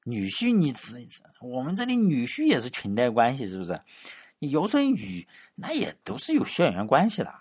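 Animated man giving a chatty history lecture. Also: mid-range voice, normal speed, slightly rough. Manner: chatty, full of rhetorical questions and fillers; wry, mocking asides. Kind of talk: casual spoken lecture.

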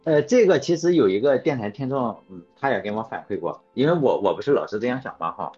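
A man's voice: mid-range voice, lively intonation, fast talker, a little mellow, breathy edge. A man hosting a casual chat show, rambling through anecdotes and correcting himself as he goes. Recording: dull lo-fi sound with faint music.

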